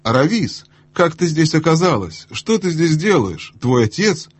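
A man's voice: fairly high pitch, very animated, a little slow, husky, no echo, pitched above the performer's own voice, full character voice. A man voicing a vain, chattering young noblewoman who gushes languidly over trifles in an audiobook. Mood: startled.

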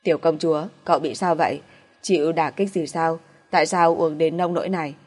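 A gentle young man in love speaks in a soft, coaxing way, read by a woman narrating an audiobook. The voice sits low and calm. He stays patient and tender. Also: brisk.

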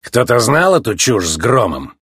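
A man's voice: medium pitch, sing-song, moderate pace, fairly bright tone, slightly rough, no echo, studio quality, exaggerated voice. A man voicing a boastful, smug male rival race car in a storybook reading, taunting as he talks.

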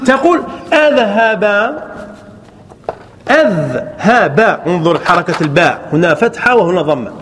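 Man teaching grammar, really high voice, keeps asking if u got it, long echo. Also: sing-song, fast, few pauses, a bit bright, slight background noise. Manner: keeps checking the listeners understand; repeats words, corrects himself aloud. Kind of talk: grammar lesson.

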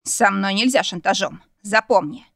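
A woman's voice: medium pitch, normal speed, creaky, fairly bright tone, no echo, clean studio sound. A woman reading the lines of a domineering male demon lord in an audiobook, curt and commanding. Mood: cold.

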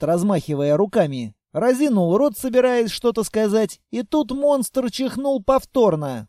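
A man narrating a fantasy story with a wry, ironic tone. His voice is high and mellow, and the recording is close and completely dry. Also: no room sound. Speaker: audiobook narrator. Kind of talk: scripted narration.

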